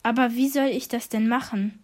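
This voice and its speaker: A woman voicing a young, kind princess in a storybook tale, speaking gently and with wonder. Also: fairly high pitch, fairly even intonation, normal speed, close to an everyday voice.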